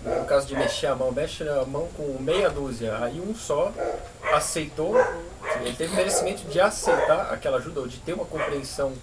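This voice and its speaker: A man's voice: a little high, brisk, very noisy. A man in a group discussion, asking tentative, clarifying questions. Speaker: group participant.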